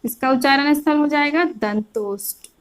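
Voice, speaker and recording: A woman teaching a grammar lesson, explaining slowly and repeating each point, often checking whether her students follow. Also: high voice, poor audio. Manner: patient, repeats points, checks in with frequent "is that clear". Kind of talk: classroom lecture explaining a chart.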